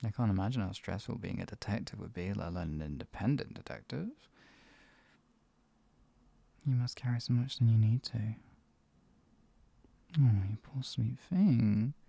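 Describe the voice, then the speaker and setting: A performer voicing a teasing, possessive villainous hypnotist in a soft, breathy ASMR role-play, coaxing and lulling a captive pet. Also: mid-range voice, normal speed, no echo. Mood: smug, doting. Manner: soft coaxing murmur slipping into close speaks softly.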